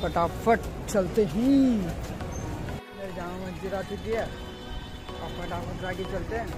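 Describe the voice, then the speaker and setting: Young male street vlogger, high voice, chatty and informal, phone mic, loud music and crowd behind. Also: slow pace. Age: young adult. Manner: chatty, addresses viewers directly. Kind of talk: casual street vlog. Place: busy city streets and market outdoors. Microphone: handheld phone camera at arm's length. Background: loud music, crowd and traffic.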